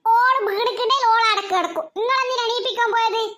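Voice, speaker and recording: A hot-tempered cartoon wife, voiced by a woman who nags and scolds. She speaks in a very high, bright voice. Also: fast talker. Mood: scolding. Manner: nagging, scolding. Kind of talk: cartoon voice acting.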